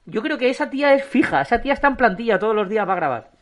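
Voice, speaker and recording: A man's voice: very high voice, sing-song, racing, a bit bright. A man co-hosting a podcast in casual chat, rambling and stammering through slangy jokes. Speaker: podcast co-host.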